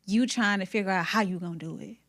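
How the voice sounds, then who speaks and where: A woman's voice: mid-range voice, fast, fairly bright tone. A woman hairstylist, a podcast guest, talking candidly and emphatically about her work, money and faith. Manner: emphatic, faith-filled storytelling. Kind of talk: candid conversation.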